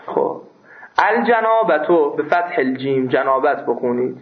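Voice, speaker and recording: A man's voice: fairly high pitch, lively intonation, noisy background. A man teaching a seminary class on religious law, emphatic and scolding, who raises his voice at his students. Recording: tinny phone-like recording.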